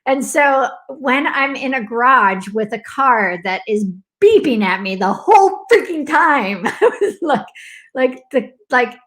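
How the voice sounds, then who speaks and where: Middle-aged woman host, casual storyteller, bright and a touch high, lively and rambling. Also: measured pace. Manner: animated, acts out alarms and shouted outbursts, laughs often; talks in loose fragments with many likes.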